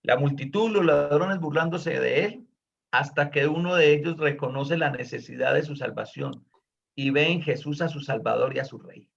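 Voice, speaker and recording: A man's voice: on the high side, moderate pace, creaky, a bit bright. A man teaching a Bible study, explaining earnestly and stepping in to correct a student, on a dull lo-fi recording.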